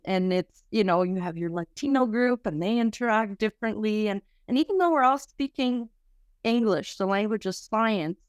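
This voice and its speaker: A woman's voice: mid-range voice, clear, resonant tone, dry recording, clean studio sound. A middle-aged woman from Quebec, a research director speaking earnestly in a podcast interview, often restarting her sentences. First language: French. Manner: earnest, halting with many restarts.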